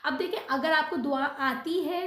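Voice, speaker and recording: A woman's voice: high voice, measured pace, fairly bright tone, reverberant. A woman with a Pakistani Urdu accent giving an earnest devotional talk with step-by-step instructions, often adding little "isn't it" tags. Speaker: religious teacher.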